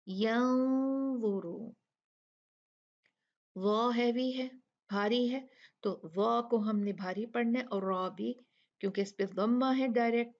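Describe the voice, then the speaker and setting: A woman's voice: medium pitch, a little mellow, dull audio. A woman teaching recitation rules in a patient lesson, explaining each rule and stretching out the syllables she demonstrates.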